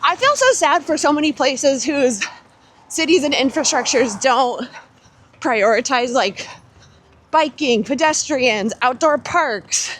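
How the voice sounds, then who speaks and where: High-voiced American woman chatting while running. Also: lively intonation, slow pace, a bit bright. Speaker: host of a running chat. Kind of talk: casual chat. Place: outdoors on city streets. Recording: faint outdoor street noise.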